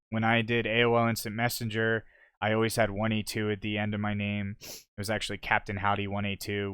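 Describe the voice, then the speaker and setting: A man's voice: lowish voice, a bit bright, clear, resonant tone, dry recording, studio quality. Casual, profane young man telling stories. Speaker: podcast host. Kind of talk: unscripted solo podcast storytelling.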